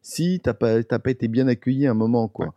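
A man's voice: medium pitch, a little fast, dark tone, dry recording, muffled recording. A man from Paris, a guitar expert, chatting casually with many fillers and restarts. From Paris, France. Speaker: guest guitar expert with a guitar channel. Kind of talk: casual podcast chat.

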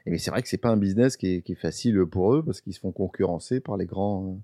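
A man's voice: deep voice, fast talker, mellow, no room sound, studio quality. A man from Paris, a guitar expert, chatting casually with many fillers and restarts. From Paris, France. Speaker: guest guitar expert with a guitar channel. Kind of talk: casual podcast chat.

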